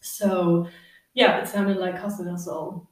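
A woman's voice: on the low side, slow, distant mic. German woman in her thirties, off-mic. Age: 30s. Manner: relaxed, laughs often, many fillers. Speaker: guest. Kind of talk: casual interview chat. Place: apartment overlooking the sea. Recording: echoey room, off-mic.

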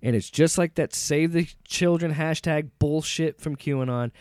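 A man's voice: a little high, measured pace, a little mellow, clean tone, dry recording, clean studio sound. Emphatic, profane man arguing a point. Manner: emphatic, profane, stumbling restarts. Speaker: podcast co-host. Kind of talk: heated casual chat.

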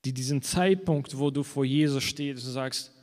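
A man preaching a sermon in an earnest way, slowing down when he quotes scripture. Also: mid-range voice, in a large hall.

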